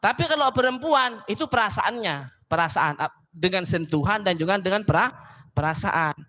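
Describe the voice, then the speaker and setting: High, bright-voiced preacher man in a hall. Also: expressive, normal speed. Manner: joking, chatty, addresses audience directly. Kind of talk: casual sermon to women's gathering. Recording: long hall reverb.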